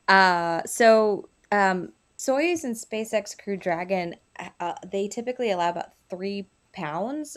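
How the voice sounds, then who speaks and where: Lowish-voiced casual female livestream co-host. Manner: informal, conversational, loosely phrased. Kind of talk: casual explanatory commentary.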